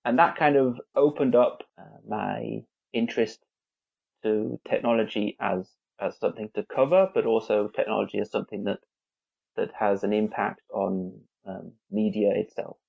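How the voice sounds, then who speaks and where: A man's voice: on the low side, steady tone, moderate pace, creaky, breathy edge, highs cut off. A man in his forties from England, a guest on an interview podcast, talking with many restarts and fillers. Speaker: guest, newspaper visuals head. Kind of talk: conversational interview.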